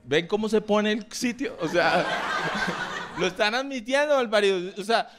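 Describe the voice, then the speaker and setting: Heard in a noisy live recording amid crowd laughter and room sound, this comedian has a high voice and a measured pace. He's a young man with a coastal Colombian Spanish accent from the Caribbean coast, delivering a brash, foul-mouthed routine on stage and voicing characters out loud.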